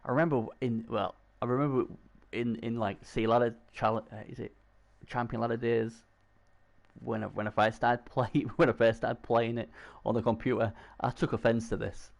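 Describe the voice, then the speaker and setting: A man giving casual, excitable commentary on a video game match, often repeating himself. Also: medium pitch, moderate pace, vocal fry.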